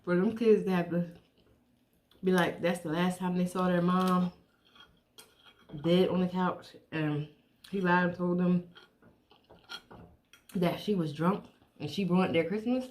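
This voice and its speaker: Middle aged lady just chatting to the camera with her mouth busy chewing, kinda low voice, mukbang style. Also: steady tone, darkish tone. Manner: chewing while talking, with pauses to eat. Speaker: mukbang vlogger. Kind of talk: casual chat to viewers while eating.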